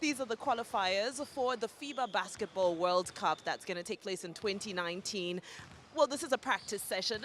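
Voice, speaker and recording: A woman's voice: a little high, a bit bright, a little hiss or hum. An upbeat woman presenter on a basketball court, interviewing players at a practice session. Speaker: sports interviewer.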